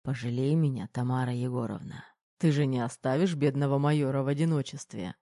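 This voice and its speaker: A teasing, affectionate army major, voiced by a woman reading an audiobook. The voice sits low and mellow. The recording is dry and close. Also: a little fast, no echo. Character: gruff teasing army major, adult man.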